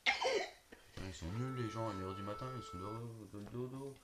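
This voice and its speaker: Hosting prank calls, a young man with a lowish voice talks fairly quickly, teasing and swearing in casual slang as a crowd is heard in the background. The recording has an echoey room sound with clicks and noise.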